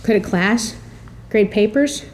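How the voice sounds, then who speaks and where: She takes her time, a middle-aged woman with a slightly mellow, mid-range voice. The talk is a prepared introduction built around storytelling, articulate and wry with a touch of theatricality.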